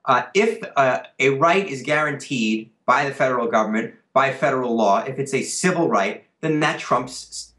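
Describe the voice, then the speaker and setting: Measured man in an echoey room. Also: medium pitch, lively intonation, fairly bright tone. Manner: measured, thoughtful, with frequent hesitations and restarts. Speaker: history professor, interview guest. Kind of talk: remote interview.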